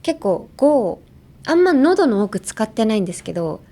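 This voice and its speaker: A woman's voice: fairly high pitch, sing-song, quick pace, a little mellow. A young woman hosting a casual bilingual pronunciation lesson, playfully demonstrating sounds with repeated syllables. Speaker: English pronunciation coach.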